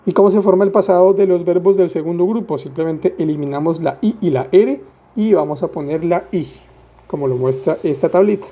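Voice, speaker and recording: Brisk and mellow, a man with a high voice breaks down French grammar step by step. He stays patient and playful, regularly quizzing the listener with rhetorical questions.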